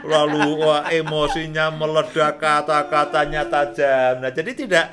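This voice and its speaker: A middle-aged man hosting a relaxed talk on marriage, chatty and repeating his points with frequent chuckles. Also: on the high side, measured pace. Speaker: host, marriage counselor.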